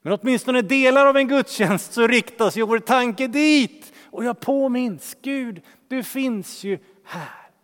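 Man preaching, high voice, earnest, loud then hushed, long church reverb. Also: hardly any pauses. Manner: earnest, shifting between loud emphasis and hushed soft speech. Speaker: pastor. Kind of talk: sermon.

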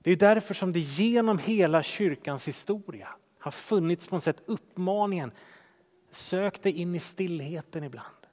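A man preaching a sermon as pastor, earnest, swinging from loud emphasis to hushed softness. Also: sits high, big-room sound. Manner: earnest, shifting between loud emphasis and hushed soft speech.

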